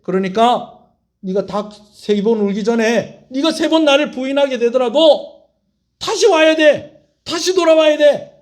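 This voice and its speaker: A man's voice: high voice, sing-song, unhurried, long pauses, heavily acted. A man acting out Jesus during a sermon, speaking tenderly and intimately to a troubled disciple. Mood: pleading. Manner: tender, intimate, speaking softly to one person. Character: Jesus, a gentle grown man comforting his disciple. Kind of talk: sermon with acted retelling.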